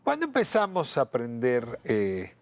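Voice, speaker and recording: Dry-sounding TV host. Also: male voice, mid-range voice, wildly swooping pitch, dry recording. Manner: attentive, quick to finish the guest's sentences. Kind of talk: TV interview.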